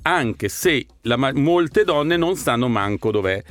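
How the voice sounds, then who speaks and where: A man's voice: medium pitch, expressive, slow pace, no room sound. Guy arguing his opinions on a talk show, emphatic, keeps repeating phrases.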